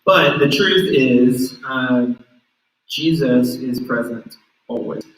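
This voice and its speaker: A man's voice: medium pitch, takes it slowly, fairly bright tone. A man hosting a youth group livestream, easygoing and encouraging, with frequent ums. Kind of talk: casual livestream chat. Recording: roomy room, mic at a distance.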